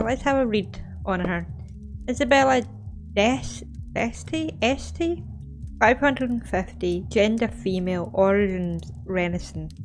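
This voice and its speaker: A woman with a slight lisp playing a game, reading its text aloud and reacting casually and informally. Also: mid-range voice. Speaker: game streamer. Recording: faint game music behind.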